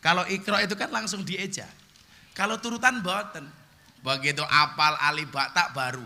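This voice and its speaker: A man's voice: sits high, moderate pace, gravelly, bright, forceful tone. A man with a Javanese accent preaching a humorous sermon, joking and chanting spelling drills in a sing-song.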